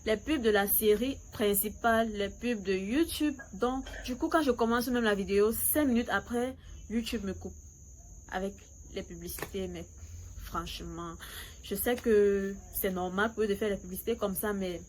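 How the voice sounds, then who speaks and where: Casting: woman reviewer, French, mid pitch, casual and chatty, some hesitation, faint background noise. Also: normal speed, a little mellow. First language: not French; fluent in English. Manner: foreign-accented French, hesitant, switches into English. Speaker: YouTube series reviewer. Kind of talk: casual chatty opinion recap.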